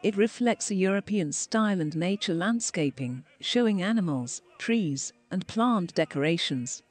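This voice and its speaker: A woman reading scripted documentary narration for a walking tour, steady and phrase by phrase. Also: fairly low pitch, moderate pace, faint music behind.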